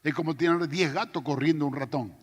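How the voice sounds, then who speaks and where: A man's voice: a little high, brisk, husky. A man preaching a sermon, dramatically acting out the scripture. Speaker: pastor. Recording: long church hall reverb.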